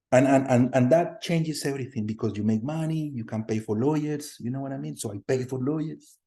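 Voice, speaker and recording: A man from Colombia in his thirties teaching a class over a video call, energetic, often repeating words and putting questions to the students. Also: medium pitch. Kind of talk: online class lecture. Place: home room on a video call.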